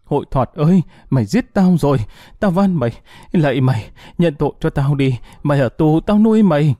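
A man voicing a frightened, whining male prisoner who pleads tearfully in a raised, high voice. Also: lively intonation, fast, mellow, no echo, studio quality, lightly acted. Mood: wailing.

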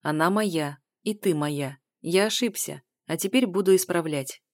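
A woman reading as a calm, insistent man. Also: on the low side, measured pace, no echo, studio quality. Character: persistent confident man, the ex-partner. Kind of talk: audiobook dialogue reading.

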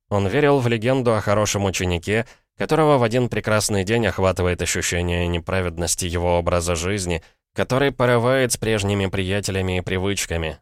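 A man narrating a novel as an audiobook reader, in an even storytelling manner. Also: sits low, clean tone, no room sound, studio quality. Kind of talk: scripted narration.

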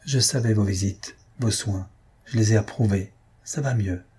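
A man voicing a calm doctor who quietly reassures the family about his patient. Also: on the low side, husky. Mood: reassuring. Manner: measured, reassuring.

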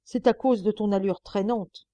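A woman's voice: mid-range voice, moderate pace, mellow, no echo, pitched above the performer's own voice, lightly acted. A woman voicing a greedy, scheming male monk, grasping and pleading. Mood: eager.

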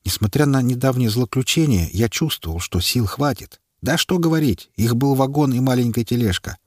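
A man narrating a first-person action story in a steady storytelling manner. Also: medium pitch, normal speed, dry recording, clean studio sound. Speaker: audiobook narrator.

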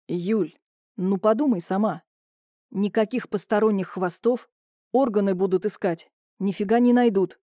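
A woman voicing a gruff, blunt man, an older brother who growls his curt lines in an audiobook. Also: mid-range voice, unhurried, dark tone, no echo, clean studio sound, natural voice.

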